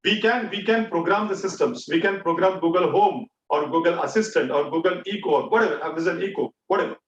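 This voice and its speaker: A man's voice: fairly high pitch, fast, a bit bright, highs cut off. A man with an Indian accent teaching an online class interactively, repeating key phrases and questions for emphasis. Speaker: online bootcamp instructor. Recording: echoey, distant mic, faint noise.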